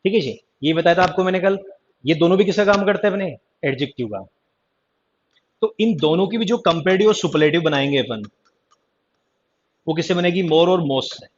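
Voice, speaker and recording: A man's voice: high-pitched, moderate pace, long pauses. A male teacher runs a live online grammar class in a slightly raised voice. He keeps teasing his students and calling them back to attention. The audio sounds dull and lo-fi. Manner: teasing, chatty, keeps repeating "ध्यान देना" and "ठीक है जी". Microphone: online class stream mic.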